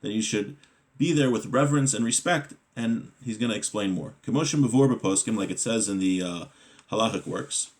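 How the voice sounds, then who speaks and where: In a lowish voice at a moderate pace, a religious teacher gives a Torah lesson, reading from Hebrew and explaining it in conversational English. He frequently pauses to check in with a brief question.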